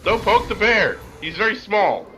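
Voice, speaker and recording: A man's voice: high-pitched, big pitch swings, normal speed, pushed and bright, slight background noise, low-quality recording. A man in casual voice chat, teasing his friends and trailing off into mumbles.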